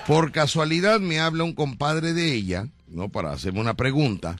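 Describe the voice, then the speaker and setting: A man with a Mexican accent hosting a casual radio show, telling stories in an animated way and acting out the quotes. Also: on the high side, moderate pace, slight background noise. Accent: Mexican Spanish. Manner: animated storytelling, acts out quotes. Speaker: radio host.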